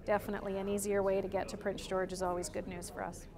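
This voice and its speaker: A woman's voice: mid-range voice, flat delivery, fast talker. Middle-aged woman mayor, chatter behind. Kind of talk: interview answer. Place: indoor press event. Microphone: lapel mic.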